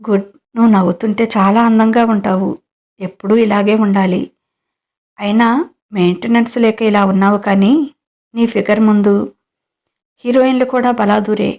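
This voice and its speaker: Figure: a woman reading as a doting middle-aged employer. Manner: pleading, coaxing. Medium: audio story. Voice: mellow and flat. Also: mid-range voice, normal speed, pauses often, close to an everyday voice. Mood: flattering.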